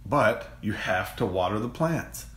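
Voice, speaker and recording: Rambling with enthusiasm and frequently repeating his words, this young gaming channel co-host chats casually in a home room lined with games on a shelf. He speaks in a fairly low, animated, fairly bright voice at a slightly slow pace, and the room echoes.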